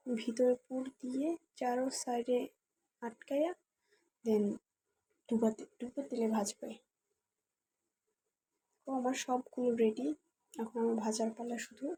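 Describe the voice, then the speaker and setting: A woman's voice: a little high, mellow, slightly rough. A woman hosting a cooking channel, talking viewers through a recipe step by step in a chatty, direct way. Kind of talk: casual recipe tutorial voice-over.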